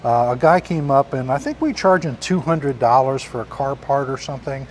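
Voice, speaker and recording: A man's voice: mid-range voice, lively intonation, normal speed. A man chatting casually as a guest, telling folksy stories and acting out the exchanges he quotes. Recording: faint background noise.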